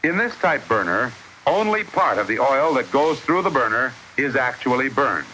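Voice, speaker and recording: Man, old newsreel narrator style, crisp formal instruction, forceful bright tone, lively intonation, noisy vintage film soundtrack. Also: mid-range voice, normal speed. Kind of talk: 1950s educational film scripted narration.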